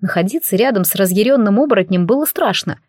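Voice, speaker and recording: A woman's voice: mid-range voice, expressive, fast talker, a little mellow, no echo, clean studio sound. A woman narrating a comic fantasy audiobook in first person, with a wry, ironic manner.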